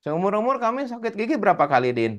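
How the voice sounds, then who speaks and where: A man's voice: high voice, very animated, fast, voice pushed up. Man playing a coaxing, questioning religious teacher.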